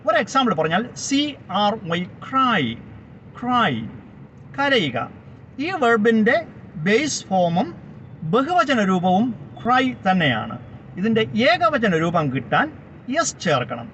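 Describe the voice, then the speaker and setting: A man's voice: sits high, a bit bright. A man teaching English grammar, spelling out words letter by letter. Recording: dull lo-fi sound with faint background noise.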